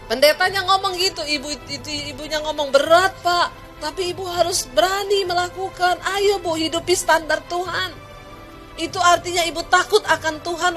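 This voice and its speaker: A woman preaching a sermon, telling a story and acting out its dialogue, rising to emphatic peaks. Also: high-pitched. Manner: lively, acts out dialogue, rises to emphatic peaks.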